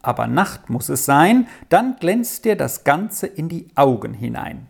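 A reader voicing an eager young boy who sets riddles, lively and exclaiming, pitched higher than the narration. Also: a little slow, vocal fry, husky, heavily acted. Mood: scolding.

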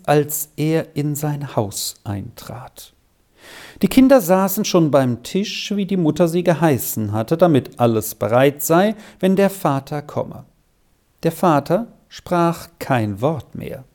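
An audiobook reader narrating a children's story in an expressive, storytelling way. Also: mid-range voice.

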